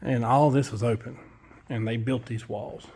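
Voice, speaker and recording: A man's voice: mid-range voice, steady tone, normal speed, a little mellow, a little hiss or hum. A man, a construction worker giving a casual walkthrough of a building site, blunt and profane as he tells his story.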